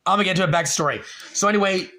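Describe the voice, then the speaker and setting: A man's voice: sits high, racing, bright, forceful tone. A man in his late thirties hosting a livestream, telling a rambling, profane story and talking to chat viewers by name. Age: 30s. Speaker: livestream host.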